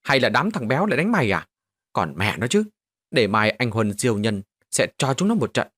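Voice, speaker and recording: A man voicing a poor, tough boy who acts as a protective big brother, talking in a gruff, bossy way. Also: mid-range voice, big pitch swings, a little fast, fairly bright tone, no echo, studio quality.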